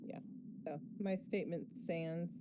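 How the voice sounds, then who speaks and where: A woman's voice: lowish voice, steady tone, measured pace. Woman in a casual rpg session, takes her time, slight background noise. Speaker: tabletop game player. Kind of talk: casual in-character game chat.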